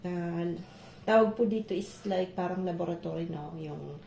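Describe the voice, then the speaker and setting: A Filipina vlogger talks casually as she cooks in her home kitchen, laughing often while telling stories. Her fairly low voice has vocal fry and a normal pace, with slight background noise, though the echoey kitchen carries loud clatter.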